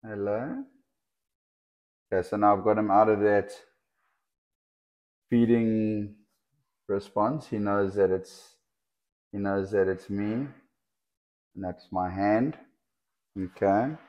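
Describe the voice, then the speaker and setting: A man showing off a lively python outdoors on camera, chatty and laughing, talking to the snake as it wraps around his clip-on mic. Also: lowish voice, takes it slowly, long pauses, lo-fi sound. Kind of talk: casual hands-on video chat. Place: outdoors in the sun. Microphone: clip-on mic the snake keeps wrapping.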